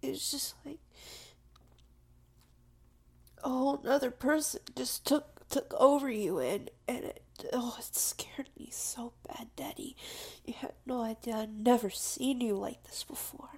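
In an intimate audio roleplay, a woman voices a clingy, submissive lover in tears, whispering breathily and creakily in halting, repeated phrases. Her pitch sits on the high side with a darkish tone, and the performance is heavily acted. She sounds shaken and tearful.

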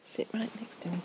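A woman in an ASMR comfort roleplay, talking in a soft, gentle whisper. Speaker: ASMR performer.

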